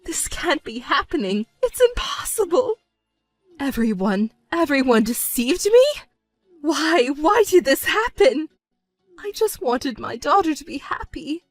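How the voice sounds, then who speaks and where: This is a selfish middle-aged stepmother voiced by a woman, her voice high and shrill with wide, wailing swings. She whines and manipulates in a dramatized story. The sound is dry and close, with faint music underneath. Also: very animated, a little slow, no echo. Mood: indignant.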